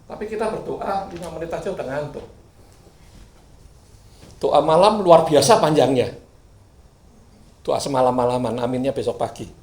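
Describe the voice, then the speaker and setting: A male pastor preaching a sermon, moving from loud bursts to quiet asides. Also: a little high, moderate pace, long pauses. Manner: lively, swings from loud bursts to quiet asides, sings briefly. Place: church hall. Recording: echoey hall, mic at a distance.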